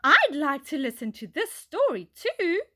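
A kind, patient primary teacher, as a woman reader puts her on, slow and gentle in a children's storybook. Her voice lifts lightly as she encourages the class. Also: high voice, huge pitch swings, voice pushed up, exaggerated voice. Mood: warm.

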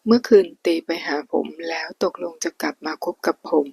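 A woman's voice: normal speed, a little mellow, no echo, lightly acted. A woman voicing a confused, earnest young man in a read-aloud story. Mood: puzzled.

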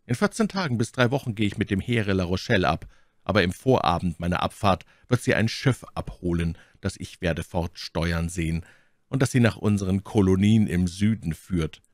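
A cold English lord who mocks with calm contempt, voiced by a male reader. He speaks slightly above the reader's own low voice, measured and cutting. Close, dry recording. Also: dry recording. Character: cold, mocking English lord, older brother-in-law. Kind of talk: audiobook reading.

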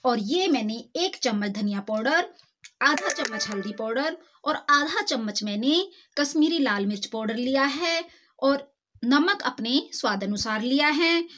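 A woman with a high, fairly bright voice and lively intonation speaks a little slowly. Hosting a cooking channel from her home kitchen, she plainly explains each step of a recipe, with sizzling and stirring in a pan clearly heard.

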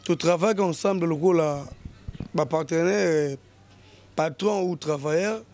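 A man hosting a talk show, speaking hesitantly with frequent pauses while giving advice. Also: a little high, a little mellow. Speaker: host. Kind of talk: talk-show commentary mixing French and Lingala.

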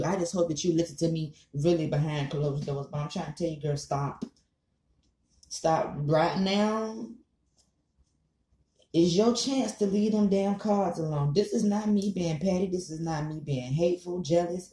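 In an echoey small room, an American woman in her thirties, an online commentary vlogger, gives a blunt, emphatic rant to camera, repeating points and swearing freely in a casual tone. Her voice is fairly low and warm.

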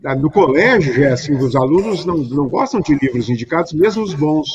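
A man's voice: on the high side, animated, fast, a crowd in the background. A man interviewing, speaking hesitantly, restarting and searching for his words. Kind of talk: conversational interview. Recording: dull lo-fi sound.

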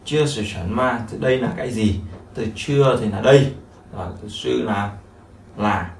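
A man's voice: fairly low pitch, moderate pace, gravelly. Man teaching, echoey room. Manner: repetitive, explanatory, many fillers. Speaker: Chinese language teacher. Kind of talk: explaining a textbook lesson. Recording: echoey room, mic at a distance, faint noise.

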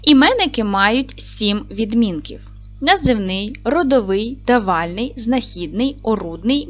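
A woman primary school teacher giving a recorded video lesson, speaking clearly and encouragingly to the children. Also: a little high, fairly bright tone. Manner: clear, encouraging classroom delivery.

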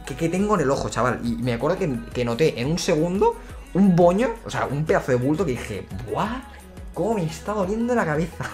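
A young man from Spain with a peninsular Spanish accent, a gaming youtuber telling a story in a casual, slangy, rambling way. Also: medium pitch. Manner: animated, slangy, rambling with restarts. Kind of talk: casual storytelling over gameplay.

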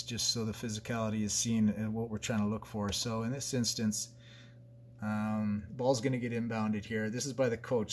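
A basketball coach with a mid-range voice explains a practice drill over a whiteboard diagram, with a little hiss or hum on the recording. He talks plainly and conversationally, using frequent fillers and restarts.

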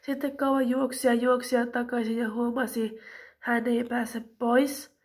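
A woman's voice: a little high, flat delivery, slight background noise. A woman reading a homemade story aloud in a simple, plain storytelling manner.

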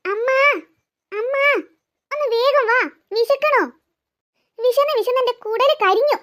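A woman's voice: very high-pitched, a little slow, a bit bright. A woman voicing hungry cartoon children who whine and complain sarcastically about their food. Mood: whiny. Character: hungry, whiny cartoon children, sassy and teasing. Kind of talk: cartoon voice acting.

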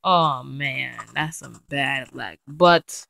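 A woman chatting through her gameplay in a casual, excitable way and addressing her viewers directly. Her voice is bright and forward. The sound is dry and close, with no room echo. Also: very deep voice, drawn-out words, vocal fry. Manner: chatty and excitable, easily frightened, talks to viewers. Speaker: let's play gamer.

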